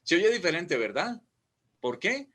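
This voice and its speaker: A man's voice: sing-song, unhurried, a bit bright. A man co-hosting an oral expression workshop on a video call, explaining patiently and acting out examples. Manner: explanatory, demonstrates preachy high and sleepy low voices. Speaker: workshop co-host. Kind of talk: casual teaching over a video call.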